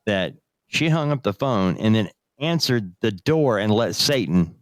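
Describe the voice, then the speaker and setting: A man with a somewhat low voice hosts a true crime podcast and retells a case in a conversational way. The recording is dry and close. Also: lively intonation, unhurried, no room sound. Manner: conversational storytelling. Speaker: podcast host.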